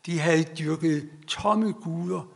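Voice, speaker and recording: A middle-aged man delivers an earnest sermon with a noticeably high voice. There is a gravelly rasp under his words. He draws out the phrases he wants to land. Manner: earnest preaching, drawn-out emphatic phrases. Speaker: preacher.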